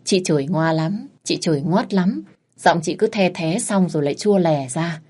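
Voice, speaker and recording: A woman's voice: fairly low pitch, animated, moderate pace, warm tone, breathy edge. A woman narrating an emotional story expressively. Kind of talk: dramatic audio story narration.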